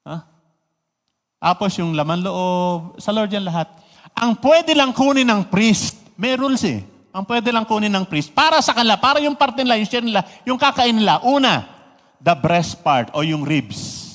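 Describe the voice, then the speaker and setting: A man preaching a sermon, lively, full of rhetorical questions and mixing in English phrases. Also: high-pitched, measured pace, big-room sound. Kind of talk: radio sermon.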